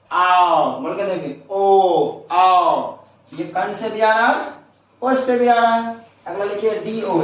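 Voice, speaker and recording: A man's voice: high voice, very echoey, recorded from a distance, low-quality recording. A man teaching a grammar lesson to students, asking questions and answering them himself.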